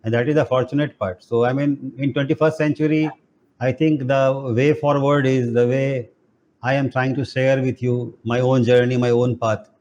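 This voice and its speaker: A man's voice: mid-range voice, level tone, moderate pace, darkish tone, highs cut off, slight background noise. Man teaching with many "you know" fillers. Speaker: spiritual teacher. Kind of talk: casual online class talk.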